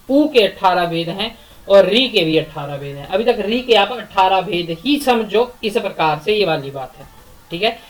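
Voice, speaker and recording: A woman lecturing on Sanskrit grammar in a recorded lesson, working through each rule step by step. She repeats key terms and poses rhetorical questions. Verses get a steady, measured chant. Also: medium pitch, low-quality recording.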